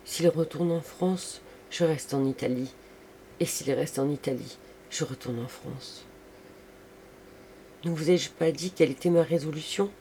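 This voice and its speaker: A man voicing a tender but resolute woman ending a love affair, in a grave, measured audiobook reading. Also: on the high side, mellow, slight background noise, close to an everyday voice.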